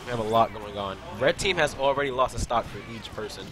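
Speaking quickly in a mid-range voice, a young man commentates a video game tournament stream with loud game music in the background. He's relaxed and chatty, laughing frequently and replying to chat between plays.

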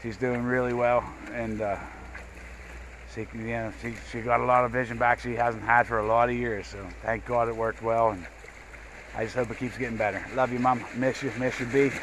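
In a low-quality recording with a little hiss or hum, a gold prospecting vlogger speaks at normal speed in a flat, mid-range, slightly bright voice. By a river with his action camera, he narrates casually, rambling and folksy, repeating himself.

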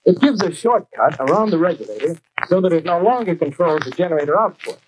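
An American actor playing a keen, plain-spoken young garage mechanic in scripted 1940s training film dialogue. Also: male voice, a little high, lively intonation, fast talker, natural voice. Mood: matter-of-fact. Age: young adult. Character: keen young male garage mechanic explaining his work. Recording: noisy 1940s film soundtrack.

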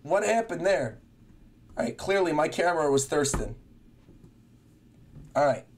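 Trailer music plays as this young streamer reacts live from his small bedroom, chatty and excited, often saying the same phrases twice. He speaks a touch slowly and expressively, and his voice is a little high. There's slight background noise.

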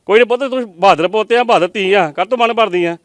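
A field reporter from Punjab speaks quickly from a flood-damaged home, his tone emotional and consoling. His slightly high voice is smooth and clear, recorded close and dry with no echo.

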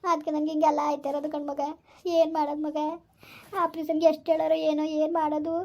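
A woman's voice: sits high, completely flat delivery, fast, darkish tone, muffled recording. A woman playing an anxious middle-aged village mother, in a village comedy skit. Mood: lamenting. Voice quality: wailing, fretful lament.

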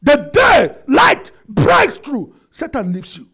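A middle-aged man, preaching a sermon into a headset mic in a church hall, asking the congregation questions and swinging between loud and quiet. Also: very high-pitched, wildly swooping pitch, slow, breathy edge. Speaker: pastor. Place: church hall with projector screen, indoors.

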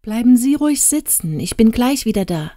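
A woman voicing a kind, courteous young gentleman traveller who speaks calmly and helpfully. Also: on the high side, moderate pace, dry recording, clean studio sound, pitched above the performer's own voice.

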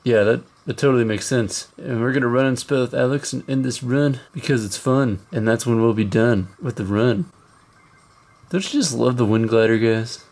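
A man's voice: medium pitch, normal speed, a little mellow, slight background noise. Jokey guy doing casual game commentary, chatty w/ viewers. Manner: playful, jokey, talks to viewers. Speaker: mobile game channel host.

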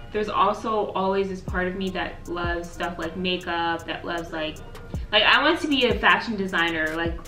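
On a casual mukbang, a twentysomething American YouTuber eats and chats between sentences with frequent "like"s, sitting on the living room floor beside the sofa, captured by a tripod camera at a distance. Her fairly low voice is bright and forceful in an echoey room.

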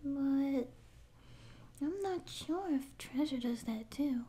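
In a scripted ASMR audio roleplay, a woman with a high, warm, expressive voice speaks slowly as a timid but eager young catgirl who dreams of being a space pirate. The character sounds girlish and at times whispery, her nervous bluster slipping into meek rambling, with an anxious, lonely mood.

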